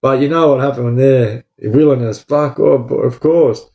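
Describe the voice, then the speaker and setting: An Australian man with an average-pitched voice talks in an echoey room. He tells his story casually, as if to mates on a livestream, full of swearing and eshay street slang. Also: moderate pace, dark tone. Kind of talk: casual livestream chat and yarn.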